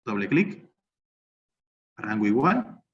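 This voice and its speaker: A man's voice: fairly low pitch, sing-song, slow, a bit bright. A man teaching a recorded spreadsheet class, talking through each step as he works on the screen. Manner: talks through steps while working on screen. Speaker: instructor. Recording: slightly dull lo-fi recording with faint noise.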